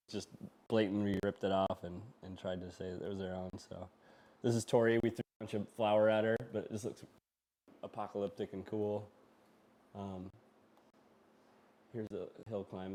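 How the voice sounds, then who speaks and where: A young man from Norway, raised in Arizona, talking casually over slides about his motorcycle shop, halting and full of fillers. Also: fairly low pitch, a little hiss or hum. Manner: halting, filler-heavy, laughs easily. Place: event space before a live audience.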